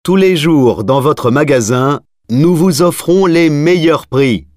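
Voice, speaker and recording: A man reading an in-store promotional announcement slowly and clearly for a listening exam. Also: on the high side, animated, over music. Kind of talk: scripted in-store advertisement.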